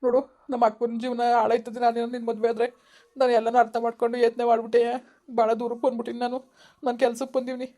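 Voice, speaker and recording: A woman's voice: a little high, rapid-fire, natural voice. A woman playing a poor young man who firmly ends things with his girlfriend, speaking. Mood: resigned. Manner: flat, reasoning, firm.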